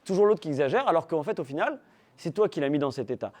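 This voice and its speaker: A man teaching a religious class to young people, animated, firing rhetorical questions at the room and teasing his listeners. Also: a little high, fast. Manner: teasing humor with the audience. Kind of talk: lively religious class talk.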